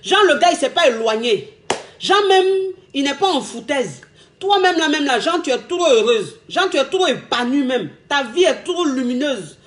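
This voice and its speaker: A woman's voice: high voice, moderate pace. A woman, giving emphatic, casual relationship advice as a coach. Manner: lively, emphatic, repetitive, laughing often.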